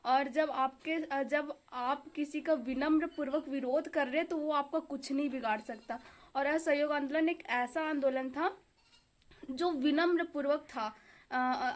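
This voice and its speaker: A young woman from India chatting casually in a home vlog, rambling with fillers while she cooks and studies. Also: high voice. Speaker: vlogger, exam aspirant. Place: home kitchen and study table.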